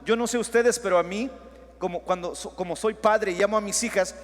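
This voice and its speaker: A man preaching a sermon, his voice pitched high for a man. He swings between loud, emphatic declarations and hushed asides. The sound trails off in the long reverb of a church hall. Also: brisk. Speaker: pastor. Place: church sanctuary.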